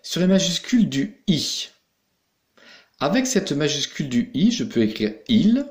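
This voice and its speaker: A man's voice: a little high, big pitch swings, measured pace. A man teaching young pupils in a recorded lesson, patiently explaining each step. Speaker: primary school teacher.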